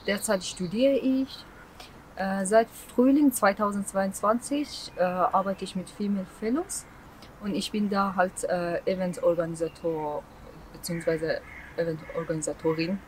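A woman in her twenties from Iran answers at a steady, hesitant pace, with pauses and fillers between her points. She speaks in a mid-range voice outdoors by flower beds, with a faint hiss of open air behind her. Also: mid-range voice, low-quality recording. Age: 20s. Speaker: event organizer. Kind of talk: interview answers to camera.

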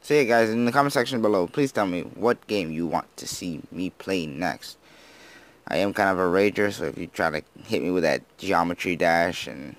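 A teenage boy with a notably deep voice rambles through casual commentary as he plays. He apologizes often, laughs at himself and slurs some words, sounding freshly woken. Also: normal speed. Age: teens. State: just woken up. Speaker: gaming YouTuber.

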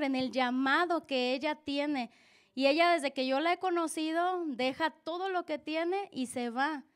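Earnest high-voiced woman preaching. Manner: earnest, conversational, with many restarts. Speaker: church speaker. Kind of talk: sermon-style testimony. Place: church service.

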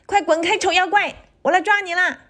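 A woman's voice: steady tone, brisk, sharp tone. A woman doing a scared little boy. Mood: defiant. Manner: high, urgent and whiny. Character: frightened little boy, breathless and pleading.

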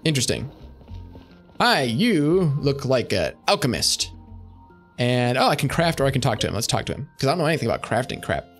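A man's voice: mid-range voice, very animated, fairly quick, soft background music. Sarcastic young man streaming a game. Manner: sarcastic, rambling. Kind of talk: casual gameplay commentary.

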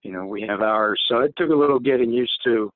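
A man's voice: mid-range voice, brisk, dry recording. A man, a race team mechanic, talking as a podcast guest over a remote call, answering with many fillers and restarts. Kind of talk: casual interview answers. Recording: tinny phone line.

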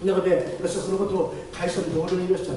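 A high-pitched male pastor tells his testimony at a brisk clip, acting out the other voices in his story. His voice is picked up from some distance in a heavily reverberant chapel, with faint noise underneath. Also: flat delivery, warm tone. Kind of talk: testimony sermon. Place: church chapel. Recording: very echoey hall, distant mic, faint noise.

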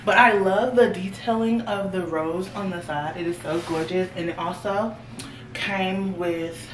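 In a casual try-on haul, a young woman in her 20s, a fashion vlogger, talks directly to her viewers in a chatty way. Her voice is fairly low in pitch. The recording has a little hiss or hum, an echoey room sound, and her voice sits a little far from the mic.

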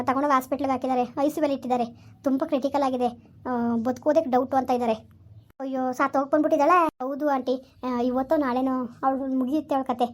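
A woman's voice: high-pitched, natural voice. A young woman, acting in a village skit, earnestly explaining and pleading with elders.

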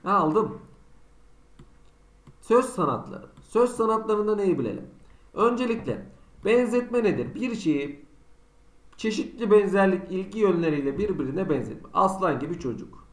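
A Turkish teacher gives an online school lesson in a high-pitched voice with lively intonation and moderate pace, in an echoey room. He poses students' questions to himself and answers them in a chatty, conversational, teasing way with teasing examples.

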